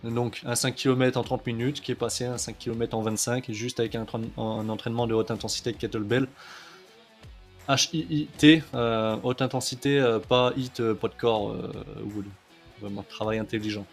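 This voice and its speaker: A man's voice: medium pitch, steady tone, normal speed, soft background music. A man coaching on kettlebell training in a casual video lesson, chatty, with many fillers, often checking in with "ok?".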